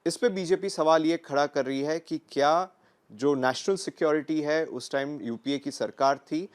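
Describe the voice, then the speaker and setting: A man's voice: a little high, moderate pace. A male news anchor posing questions to a guest hesitantly, with frequent fillers. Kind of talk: live interview questions.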